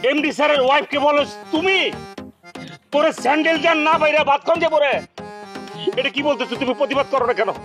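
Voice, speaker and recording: A man's voice: sits high, a little fast, long pauses, faint music behind, natural voice. A man playing a huffy jealous husband. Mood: outraged. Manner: theatrical ranting, mocking questions. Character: hot-tempered jealous middle-aged husband, bossy.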